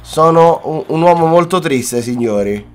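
A man's voice: fairly high pitch, expressive, a little slow. A young Italian man giving chatty, playful gameplay commentary, talking to his viewers and mixing in English words, with a cough-worn voice. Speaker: gaming YouTuber. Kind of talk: casual Let's Play commentary. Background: faint background music.

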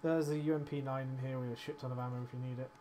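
Man, casual gamer banter, swears a lot, headset mic, average pitch, faint hiss behind. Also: fairly even intonation, rapid-fire, mellow. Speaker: streamer. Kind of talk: casual gaming chat.

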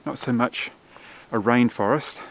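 A man in his forties talks straight into a camera held at arm's length while he walks outdoors. He explains in a relaxed, chatty way with frequent fillers. Faint rushing water sits behind his voice. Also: mid-range voice, a little hiss or hum. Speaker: landscape photographer. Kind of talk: casual vlog narration to camera. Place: outdoors in a forest and on a gorge lookout. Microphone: camera mic at arm's length.

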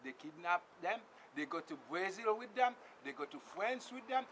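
A middle-aged Haitian political vlogger with a Haitian accent rants passionately and repetitively at a camera held close in front of him, inside a small space walled with blue tarps. He is emphatic, swinging between shouting and muttering. His voice is high-pitched and expressive at a normal speed, with slight background noise.

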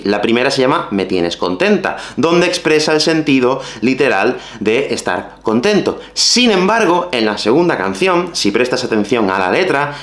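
A man from Spain with a Spanish accent, teaching Spanish in a video lesson with colloquial, expressive talk. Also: medium pitch, reverberant. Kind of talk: video lesson with acted skits.

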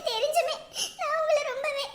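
A woman's voice: extremely high pitch, fairly even intonation, brisk. A young woman acting a teenage daughter, first sulking and talking back, then crying and apologizing to her mother. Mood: tearful, apologetic. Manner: sharp-tongued complaining, then tearful pleading. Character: teenage daughter, sulky then tearfully loving. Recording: echoey room.

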